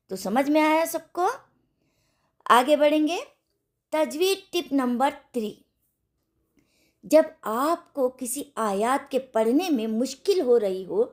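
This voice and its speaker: A woman teaching tajweed in an online lesson, explaining patiently, checking in with her students and sounding out syllables slowly for practice. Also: on the high side. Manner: slow, patient teaching with repeated check-ins. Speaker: Quran recitation teacher.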